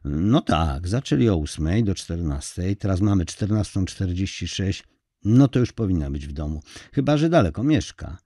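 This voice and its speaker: Man playing a slow, clueless caretaker in his forties, mellow voice, dry sound. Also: low-pitched, big pitch swings, husky, no room sound, full character voice. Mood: puzzled.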